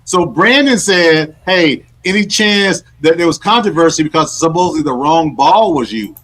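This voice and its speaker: A man with a high, bright voice, co-hosting a casual sports podcast. He argues in a mock-stern tone and lectures his partner about the rules. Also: lively intonation, normal speed, a little hiss or hum. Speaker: podcast co-host.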